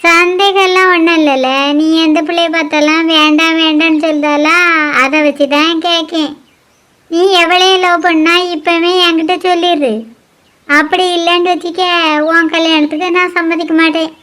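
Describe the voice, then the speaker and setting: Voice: extremely high pitch, level tone, normal speed, pushed and bright. Someone voicing a bossy nosy village granny. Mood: prying. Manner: scolding, prying, lecturing. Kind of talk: cartoon voice acting.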